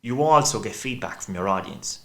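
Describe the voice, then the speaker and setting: At a moderate pace, an expressive, mid-range male voice holds forth as a podcast guest. He's Irish with a thick Cork accent, and his casual, chatty talk rambles on at length, complete with acted-out quoted voices.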